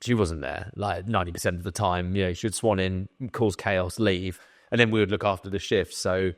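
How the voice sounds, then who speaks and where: A young man telling a workplace story as a podcast guest, animated and swearing freely as he acts out what people said. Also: sits low, a little fast, no echo, studio quality. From England. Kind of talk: casual storytelling.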